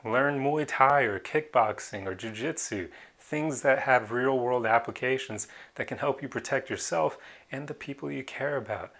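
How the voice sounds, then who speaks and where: A man with a gravelly edge to his mid-pitched voice talks straight to the camera in a casual vlog. He is earnest and opinionated and breaks into a short laugh now and then. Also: moderate pace, a bit bright. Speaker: vlogger.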